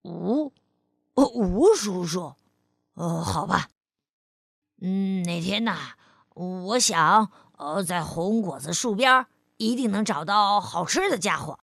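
Storybook tyrannosaurus: gruff big male dino turned gentle, drawling low and raspy, read by a woman. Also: expressive, no echo, clean studio sound, exaggerated voice. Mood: hesitant. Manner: slow, hesitant with ums and pauses. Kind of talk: children's storybook reading.

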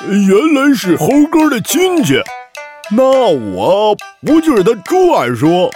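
A woman's voice: medium pitch, wildly swooping pitch, takes it slowly, darkish tone, faint music behind. A woman voicing a greedy, eager pig disciple, in a children's story. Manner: eager, whiny.

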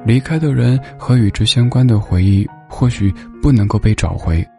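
A man's voice: lowish voice, moderate pace, gravelly, mellow, faint music behind. A man voicing a caring neighbor in a storybook who speaks in an urgent, reassuring way. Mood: earnest.

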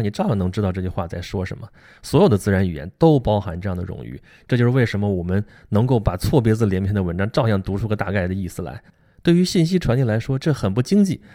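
A man walks listeners through a book in a relaxed, conversational lecture, frequently asking rhetorical questions. His first language is Mandarin Chinese, and his voice sits on the low side with a dark tone.

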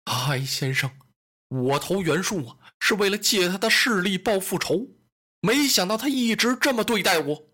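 A man's voice: high voice, animated, moderate pace, sharp tone, heavily acted. A man voicing a proud young general who speaks earnestly and respectfully. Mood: aggrieved.

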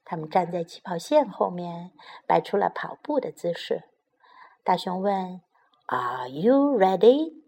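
A woman's voice: fairly low pitch, steady tone, a little slow, creaky, dark tone, breathy edge. A woman narrating a bilingual children's story, telling it in Chinese and repeating the English lines.

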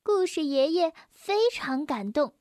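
A woman reading a children's story aloud in a gentle, clear, unhurried voice. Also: sits high, sing-song, no room sound, studio quality.

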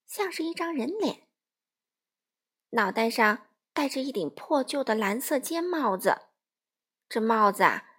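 A woman narrating a children's storybook with a gentle, expressive reading. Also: fairly high pitch, breathy edge.

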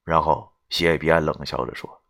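A man narrating a story in an animated, wry way, with crude asides. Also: very deep voice, moderate pace, gravelly.

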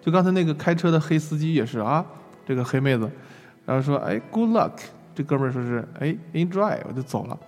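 A young man from China telling a lively, self-mocking travel story to an online class. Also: mid-range voice, fast talker, big-room sound, soft background music. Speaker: lecturer.

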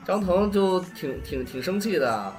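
Halting, rambling male storyteller. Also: sits high, sing-song, faint music behind. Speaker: podcast co-host. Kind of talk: casual storytelling chat.

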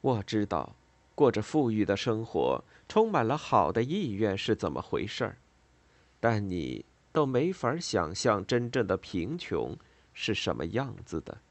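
A man narrating an audiobook novel in an expressive, steady storytelling manner. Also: on the low side, measured pace, no echo.

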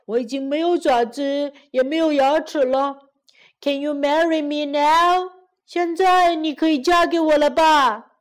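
Brief: a woman as a naive lion in love, slow and earnest, a fairly high voice for a storybook beast. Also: expressive, a bit bright, full character voice. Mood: pleading. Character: lovestruck male lion, eager and naive.

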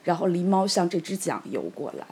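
A woman retelling and discussing a folktale in casual chat, lively and animated. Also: lowish voice, brisk, slightly rough.

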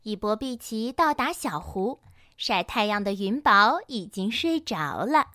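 A woman teacher narrating a children's story, acting out the characters with lively energy. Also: medium pitch, a little slow, dry recording, studio quality.

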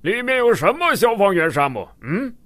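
A man voicing a brisk, officious fire station chief in a children's cartoon, formal and commanding. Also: high voice, very animated, a bit bright. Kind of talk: animated children's cartoon dub.

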